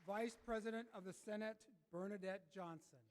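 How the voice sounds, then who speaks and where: A man's voice: high-pitched, fairly even intonation, normal speed, some chatter behind, slight background noise. A man making formal ceremony announcements in a podium speech as the host of a commencement, over a PA in a large hall. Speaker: college president hosting commencement. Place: large commencement venue, on stage.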